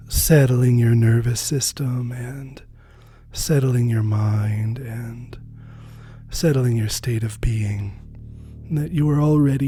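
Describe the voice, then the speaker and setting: A meditation guide with a mellow, dark, mid-range voice leads a spiritual practice very slowly while faint music plays. Long gentle pauses break up a soft, breathy delivery that frequently sinks toward a whisper.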